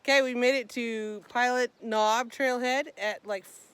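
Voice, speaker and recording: A woman's voice: a little high, fairly even intonation, a little slow, fairly bright tone, clean tone, no room sound. A woman talking casually for a vlog as a hiker, chatty and informal, thinking aloud as she goes. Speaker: vlogger, hiker.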